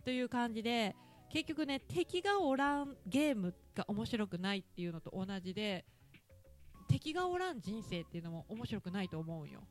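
Woman, Ehime Japanese accent, casual talk host, animated swinging voice, somewhat high, laughs a lot, soft music underneath. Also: brisk. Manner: laughs often, chatty and teasing. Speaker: podcast host talking with her daughter. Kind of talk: casual talk radio chat.

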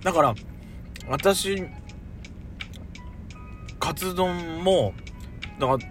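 A man's voice: sits high, drawn-out words, soft background music. A man chatting casually about food as a podcast co-host, talkative and emphatic, with feminine-style colloquial phrasing.

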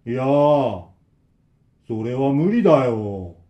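A man doing an eerie flat-voiced old man. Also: mid-range voice, lo-fi sound. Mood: menacing. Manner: expressionless, slow, repetitive calling.

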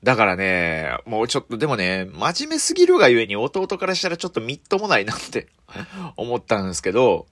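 A man with a Kansai accent, a comedian telling a story on his solo radio talk, lively with sound effects and frequent laughter. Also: medium pitch, fairly quick, dry recording. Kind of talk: casual solo radio chat.

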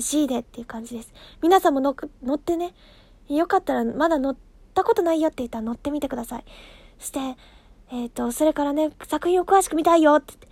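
A woman's voice: sits high, creaky, a little mellow, no room sound. A woman hosting her own casual solo talk show, chatty and self-deprecating, with many fillers.

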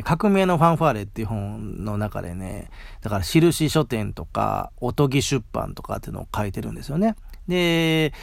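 A man from Mie hosting a casual solo talk show outdoors, chatting in a rambling way and tagging his sentences with a soft "ne". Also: mid-range voice, vocal fry, no echo. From Mie, Japan. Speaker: podcast host.

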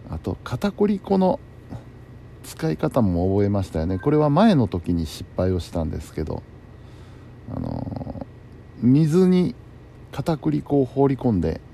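A man's voice: medium pitch, big pitch swings, measured pace, creaky, dark tone. A man chatting casually and alone as the host of a bedtime talk show, musing to himself in a polite, conversational way. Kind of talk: casual solo chat. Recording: faint background noise.

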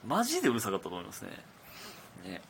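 A young comedian with a Kansai Japanese accent hosts a casual solo radio talk, rambling along in an animated way with lots of fillers. His voice is on the low side and fast, with slight background noise.

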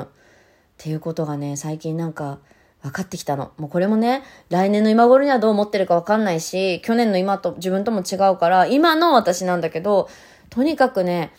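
Woman podcaster, casual heartfelt monologue, animated intonation, talks straight to listeners. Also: medium pitch. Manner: candid and reflective, talks to listeners directly; many soft fillers and restarts. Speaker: podcast host, single mother.

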